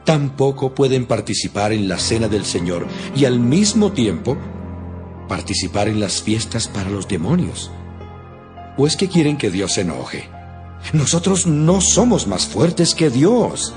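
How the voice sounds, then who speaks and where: An actor playing an earnest, stern apostle in a dramatized audio Bible, with solemn, emphatic, preacherly delivery. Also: male voice, mid-range voice, very animated, unhurried. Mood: solemn, admonishing. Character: apostle Paul, earnest, stern male preacher to his flock. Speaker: Bible reader voicing the apostle Paul. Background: music behind the voice.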